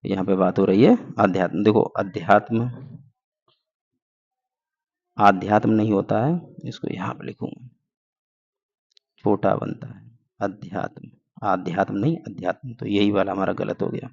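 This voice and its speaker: Gravelly low-voiced male teacher. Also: steady tone, normal speed, a little mellow. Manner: explains step by step, asks and answers own questions. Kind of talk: exam-prep grammar lesson. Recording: dull lo-fi recording.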